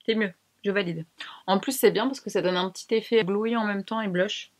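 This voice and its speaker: A woman's voice: mid-range voice, steady tone, brisk, a little mellow. A young woman chatting casually to camera as she tests makeup, slangy and self-mocking. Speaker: beauty vlogger. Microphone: camera mic.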